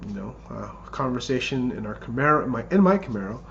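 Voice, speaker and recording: A man in his thirties rehearsing a best man's wedding speech in an earnest, somewhat halting way, often repeating phrases. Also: medium pitch, lively intonation, a bit bright. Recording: muffled lo-fi, clear background noise.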